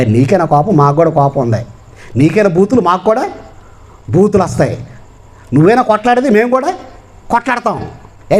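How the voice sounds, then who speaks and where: A man's voice: high-pitched, darkish tone. A man preaching a sermon with a Telugu accent, emphatic and repetitive. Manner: emphatic preaching with repeated phrases. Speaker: pastor.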